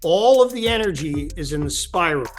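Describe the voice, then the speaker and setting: Brief: male pitching coach, intense and emphatic, slightly high voice, over a strong music bed. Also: expressive, moderate pace, low-quality recording. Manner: intense, emphatic, swears freely. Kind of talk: one-on-one coaching talk. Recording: loud music bed under voice.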